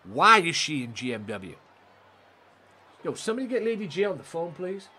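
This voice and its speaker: A young man calls the action of a wrestling game on a live stream, swearing freely and addressing his chat viewers directly. His voice sits a little high for a man. His delivery jumps between excited outbursts and offhand asides. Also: normal speed, breathy edge.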